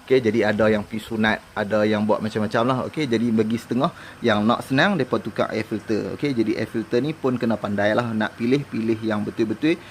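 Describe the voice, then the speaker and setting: A man's voice: fairly low pitch, quick pace, few pauses, slight background noise. A man with a Kedah Malay accent giving a casual, colloquial hands-on review of motorcycle parts, explaining step by step.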